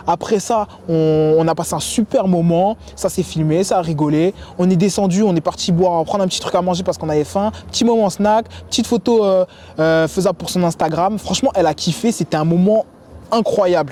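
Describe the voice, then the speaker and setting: A young man who grew up in the United States gives dating advice to the camera in an energetic, slangy, spontaneous way, at a sports complex. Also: high voice.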